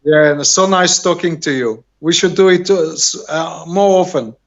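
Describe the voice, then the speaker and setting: Man, middle-aged, Israeli accent, native Hebrew speaker, slightly high pitch, rambling and searching for words, casual interview guest, dull video-call sound. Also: normal speed, vocal fry.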